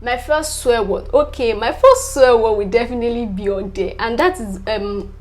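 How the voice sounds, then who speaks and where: A young Nigerian woman whose first language is Yoruba vlogs casually to camera, using lots of fillers, repeating "definitely," and laughing between answers. Her voice is on the high side at a normal speed.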